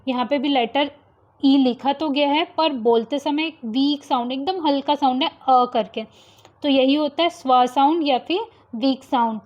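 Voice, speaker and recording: Woman, high voice, phonics lesson, repeats words slowly, slightly dull recording. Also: darkish tone. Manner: repeats example words slowly, contrasting wrong and right pronunciations. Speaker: English pronunciation teacher. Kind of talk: phonics lesson explaining pronunciation rules.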